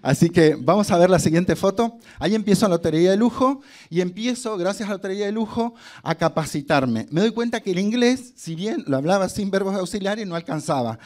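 A man's voice: high-pitched, expressive, fairly quick, a little mellow. Chatty Argentine man telling stories on stage. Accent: Argentine Spanish. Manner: humorous, anecdotal, acts out quoted dialogue. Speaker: guest speaker. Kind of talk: motivational storytelling talk.

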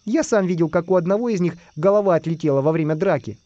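A man's voice: a little high, fast talker, warm tone, dry recording, dull audio, natural voice. A man voicing a cowardly, boastful male spy and robber in a whiny, squealing way. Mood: bragging.

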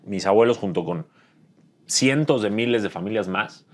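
A seated Mexican man in his thirties answers interview questions in a lowish voice. He is reflective, circling back and filling pauses as he reaches for the right phrase. The setting is a dim studio. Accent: Mexican Spanish. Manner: thoughtful, searching for words with fillers. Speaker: interview guest, entrepreneur. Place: dim studio set with dark curtains.

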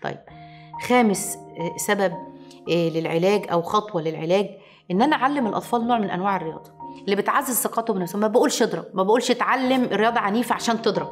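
A woman's voice: mid-range voice, rapid-fire, faint music behind. A woman with an Egyptian accent giving an informal lecture on parenting. She speaks emphatically and uses rhetorical questions and repetition. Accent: Egyptian Arabic.

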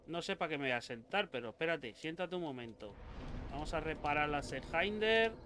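A young man with a Spain Spanish accent giving let's play commentary, excitable and swearing a lot as he talks to the game characters. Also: medium pitch, noisy background. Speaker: gaming YouTuber.

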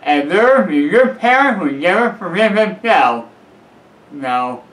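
A man's voice: sits high, very animated, slow, fairly bright tone. A middle-aged man giving earnest, repetitive advice straight to camera from a room at home. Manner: earnest, repetitive, calls himself by a nickname. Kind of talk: direct-to-camera advice vlog. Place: small room at home, leather armchair by a bookshelf. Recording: echoey small room.

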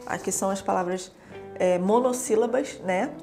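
A woman's voice: medium pitch, moderate pace, warm tone, faint music behind. A young adult woman with a Brazilian Portuguese accent explains teaching materials in a casual, chatty way, often checking in with tag questions.

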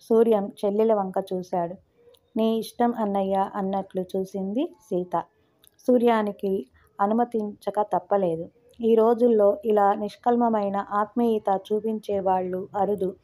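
A woman narrating a novel in a calm, measured way. Her voice is warm and mellow. It sits at a middle pitch for a woman. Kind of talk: novel reading.

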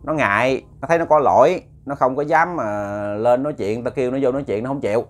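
A stern old woman's spirit speaks through a possessed woman in a storytelling tale, as a male narrator puts her on. She scolds bluntly and loudly, with a Southern Vietnamese accent and a voice pitched higher than the teller's own. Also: fast talker, natural voice.

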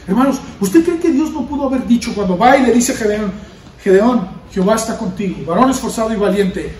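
A man preaching to his congregation in a fairly high voice, swelling into emphatic calls before his phrases fade to a hush. He sounds set back from the microphone in a roomy hall with a faint hum of ambience behind him. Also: far from the mic. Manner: preaching with rising emphatic bursts and soft trailing endings. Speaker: pastor. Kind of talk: sermon.

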